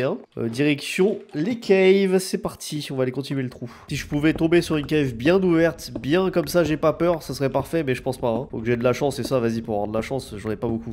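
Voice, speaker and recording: A man's voice: fairly high pitch, a little mellow, a little hiss or hum. A young man giving chatty live gameplay commentary, swearing often and yelping when something startles him. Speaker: gaming video creator.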